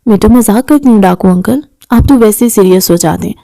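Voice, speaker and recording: A woman reading a cheeky young hostage who teases her captor, playful and bratty. The voice is mellow and dark, with a dry, close sound. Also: medium pitch, vocal fry, no room sound, natural voice. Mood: teasing.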